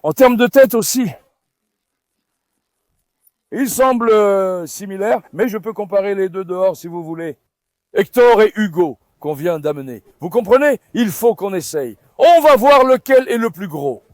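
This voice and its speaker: Male vlogger, high pitch, coaxing and commanding his dogs, dry sound. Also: lively intonation, a little slow, no room sound. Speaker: farm dog owner and vlogger. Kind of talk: casual vlog talk to camera and dogs.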